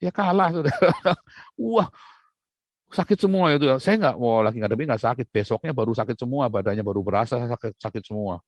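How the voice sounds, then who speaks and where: A middle-aged man preaching a sermon, telling family stories with animated rises and soft low asides. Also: brisk, no room sound. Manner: animated storytelling, rising loud when recounting fights.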